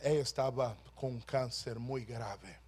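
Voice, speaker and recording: A man preaching a sermon as a pastor, slowly and emphatically, swinging from hushed storytelling to shouted proclamation. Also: medium pitch, breathy edge.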